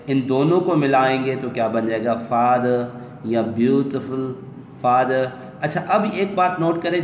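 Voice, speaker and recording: A man teaching an online English class, explaining step by step and asking questions he answers himself, slowing down to stretch out English phrases. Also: medium pitch. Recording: roomy echo with long reverb, faint noise.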